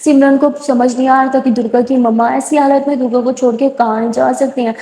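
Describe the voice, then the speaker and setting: Woman storyteller, chatty casual retelling; high voice, echoey room. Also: level tone, mellow. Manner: chatty, filler-heavy retelling. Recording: roomy echo.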